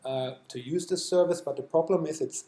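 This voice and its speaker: A man with a German accent walks a meetup crowd through a coding demo, pausing on ums and restarting phrases. His voice sits a bit high but soft and mellow. The room is echoey. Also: faint music behind. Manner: explanatory, with frequent fillers and restarts. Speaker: software developer presenting at a meetup. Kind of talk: technical talk with live demo.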